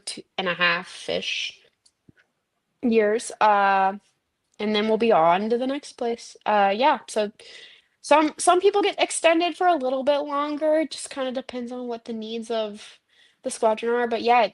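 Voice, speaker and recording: A woman from Virginia, a guest in casual chat, talking in long rambling runs with many fillers. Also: mid-range voice.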